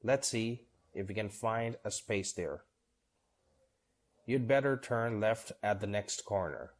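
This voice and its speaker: A man reading both parts of short scripted dialogues for English learners, steady and measured. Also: fairly low pitch.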